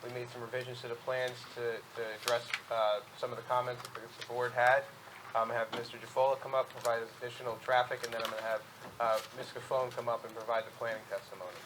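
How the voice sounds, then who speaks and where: A man speaking as an attorney at a public hearing, presenting and questioning in a halting, methodical way. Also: mid-range voice, little pitch movement, background noise. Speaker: attorney for an applicant. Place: public board meeting room.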